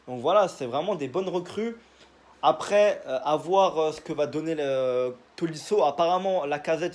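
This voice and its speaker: A man's voice: fairly high pitch, darkish tone. A young man, casually giving his football predictions in a rambling, joking monologue full of fillers. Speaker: football video creator.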